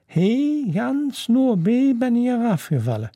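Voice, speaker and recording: A storyteller voicing a gentle, earnest little prince, a small boy, speaking plainly and a little pleadingly. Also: mid-range voice, sing-song, slow, no echo, pitched above the performer's own voice, heavily acted.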